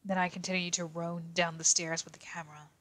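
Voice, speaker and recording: A woman voicing a quiet young male detective as he reads a fanfic aloud in character, tripping now and then over odd words. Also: fairly low pitch, flat delivery, a little fast, lightly acted. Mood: deadpan reading.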